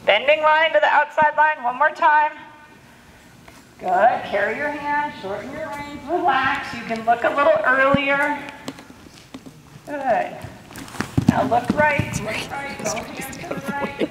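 A woman's voice: high-pitched, slow, long pauses. A woman riding coach calling out short, repeated instructions across a large indoor arena, recorded from a distance. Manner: repetitive short commands. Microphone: distant camera microphone. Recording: distant, very echoey indoor arena, some noise.

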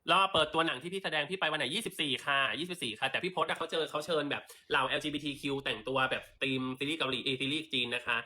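A man's voice: on the high side, fast, hardly any pauses, bright, forceful tone. A man chatting sassily on a livestream while selling lipstick, with theatrical asides. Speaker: livestream seller. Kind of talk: casual livestream sales chat.

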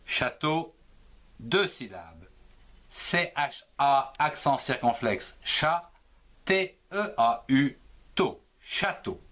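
A man teaching children to split words into syllables, slowly spelling each part letter by letter. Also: mid-range voice, big pitch swings, fairly bright tone. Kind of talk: slow spelling lesson for children.

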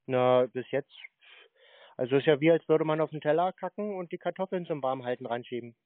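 A man baits scam callers who have phoned him, bantering casually in a teasing, sarcastic way. His voice is fairly high and brisk, with no room sound and a tinny, phone-like quality.

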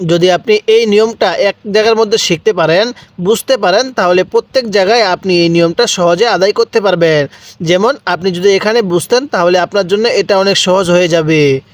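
A Bangladeshi Bengali-accented man teaching Quran reading, spelling letters out and then stretching each word slowly for students to repeat. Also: high-pitched, dry recording. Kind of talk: step-by-step reading lesson.

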